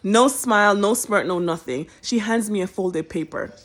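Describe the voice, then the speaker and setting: A young woman telling a personal story to her viewers in a casual, animated, emotional way. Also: medium pitch, moderate pace. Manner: animated, emotional, colloquial, bursts into laughter.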